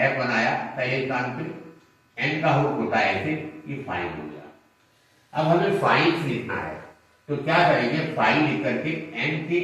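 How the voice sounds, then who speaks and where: A man teaching shorthand, explaining each stroke patiently and step by step. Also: medium pitch. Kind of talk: classroom lesson at a board. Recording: echoey room, mic far off.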